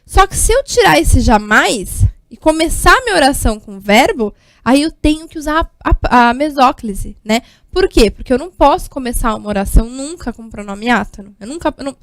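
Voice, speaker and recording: High-voiced Brazilian woman teaching grammar. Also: a bit bright, no echo. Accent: Brazilian Portuguese. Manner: explanatory, checks in with "né?" and "tá?". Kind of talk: whiteboard grammar lesson.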